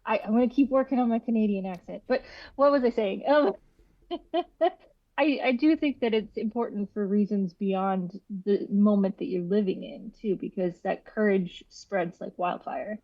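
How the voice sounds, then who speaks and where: A woman's voice: mid-range voice, normal speed, dry recording. A woman guest on a casual podcast, speaking lightly and thoughtfully and laughing now and then. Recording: dry, dull lo-fi remote line.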